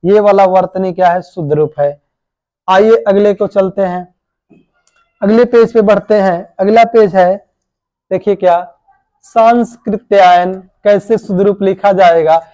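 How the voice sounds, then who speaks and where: Unhurried and warm, this man's voice sits high and carries no echo. As a coaching teacher preparing students for exams, he teaches proper spelling through self-answered questions, using "babu" and "bhai" for his pupils.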